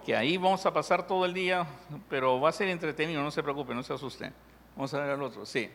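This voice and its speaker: A man's voice: on the high side, fairly bright tone. A man from Peru preaching a sermon in a conversational way, joking and asking the audience questions. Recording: long hall reverb.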